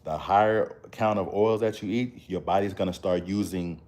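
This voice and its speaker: Low-voiced man, emphatic motivational vlogger, repeats himself for effect. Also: moderate pace, darkish tone. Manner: preachy, repetitive, emphatic. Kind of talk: casual motivational talk to camera.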